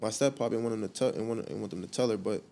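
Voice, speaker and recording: Young male guest, quick-paced, loose and profane, stops and restarts mid-thought. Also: lowish voice, creaky, dark tone. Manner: slangy, profane, rambling with many restarts. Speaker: guest artist. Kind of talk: candid storytelling interview.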